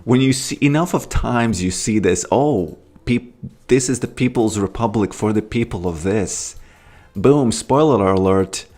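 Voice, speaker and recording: A low, darkish voice belongs to a Latvian man streaming a game and chatting casually with his viewers. He greets chat and rambles and muses while he plays.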